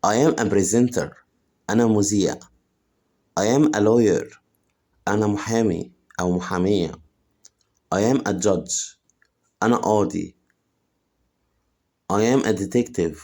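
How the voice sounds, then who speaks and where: Egyptian teacher with a lowish voice. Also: male voice, darkish tone. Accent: Egyptian Arabic. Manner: says each English phrase slowly, then gives the Arabic quickly. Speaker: English teacher. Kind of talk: vocabulary lesson.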